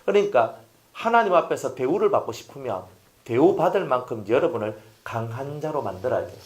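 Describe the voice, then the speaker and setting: A man's voice: mid-range voice, expressive, fairly quick. A male pastor preaching a sermon, who asks the congregation questions and acts out little voices of the people in his stories.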